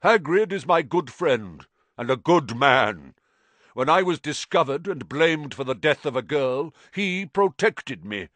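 A man voicing an ancient male giant spider, croaking and grave, speaking slowly in a storybook reading. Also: on the high side, animated, a bit bright, dry recording, voice pushed up. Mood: fretful. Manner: slow, grave pronouncements.

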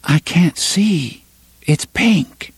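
A man voicing an entranced young woman in an audiobook, speaking in a faint, dreamy, slow way. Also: fairly high pitch, animated, breathy edge, no room sound, pitched above the performer's own voice, full character voice. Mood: dazed.

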